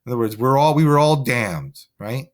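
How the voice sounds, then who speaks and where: A man teaching a play, explaining scenes in a casual, animated way with many fillers and checks of 'right?'. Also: medium pitch, fairly quick.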